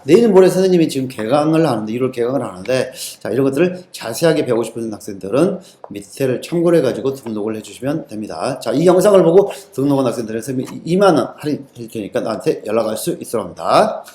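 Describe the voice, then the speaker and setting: A man's voice: medium pitch, animated, quick pace, few pauses, warm tone, roomy sound, slight background noise. A man teaching an exam-prep lesson, constantly quizzing his students and repeating the answers back to them. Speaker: TOEIC English teacher. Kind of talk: lecture-style exam lesson.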